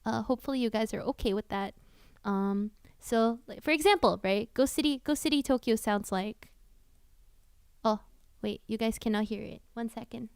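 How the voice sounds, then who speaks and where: A woman's voice: on the high side, moderate pace, creaky, darkish tone, smooth, no room sound, studio quality. A woman cover singer chatting casually on a livestream Q&A, bubbly and giggly, often scattered and restarting.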